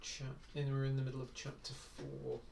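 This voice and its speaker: A man reading a novel aloud in a quiet, unhurried, low-key way. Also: completely flat delivery, vocal fry, heavy background noise. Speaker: audiobook reader.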